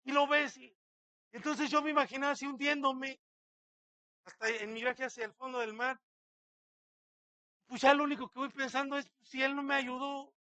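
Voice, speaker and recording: A man's voice: very high voice, steady tone, moderate pace, pauses often, bright, forceful tone, no echo. A man, a pastor preaching a sermon dramatically, acting out quotes and asking many rhetorical questions.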